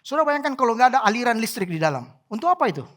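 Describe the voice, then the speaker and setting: Animated pastor preaching a sermon. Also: medium pitch, very fast. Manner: dramatic swings between soft and loud; animated, acts out prayers and cries. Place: church service.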